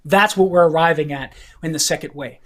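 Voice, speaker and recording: A man lays out philosophy step by step, restating phrases and pausing to check that his listeners follow. His voice is clear, with an occasional cough. He sounds like a guest teacher talking with the hosts. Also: a little high, a bit bright. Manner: deliberate, repeats phrases, checks in with okay.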